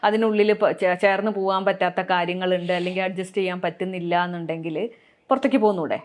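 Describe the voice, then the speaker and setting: Woman interviewer, kerala malayalam accent, brief probing questions, soft backchannel. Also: lowish voice, fairly even intonation, fast talker.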